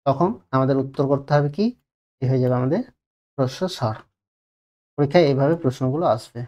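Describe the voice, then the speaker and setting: A man's voice: mid-range voice, fast talker, a little mellow. A male teacher with a West Bengal Bengali accent giving an exam-prep grammar lesson, repeating key phrases and asking and answering his own questions. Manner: drags out vowels to demonstrate.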